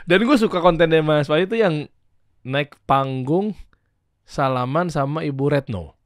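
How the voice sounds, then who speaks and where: A man's voice: fairly high pitch, unhurried, dry recording, clean studio sound. A man in his thirties hosting a casual chat, informally asking questions and searching for words as he goes. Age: 30s. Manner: informal, searches for words, repeats short acknowledgements. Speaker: podcast host.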